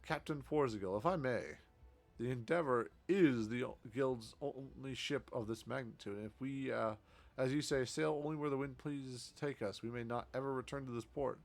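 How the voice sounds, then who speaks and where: A man's voice: mid-range voice, normal speed, creaky, close to an everyday voice. A man voicing a polite, formal guild official in a video game, speaking with stiff, courteous diction.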